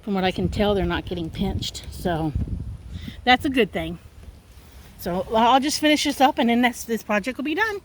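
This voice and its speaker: A woman's voice: a little high, expressive, moderate pace. A middle-aged woman vlogging in a casual, rambling, folksy way, talking to her viewers from a car and while working on a van. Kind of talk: casual vlog chat. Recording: loud vehicle and street noise.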